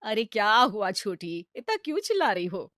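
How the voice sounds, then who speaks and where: A woman playing a kind, patient middle-aged mother-in-law in a cartoon story, speaking gently and motherly. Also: medium pitch, lively intonation, moderate pace, dry recording, studio quality, lightly acted. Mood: calm.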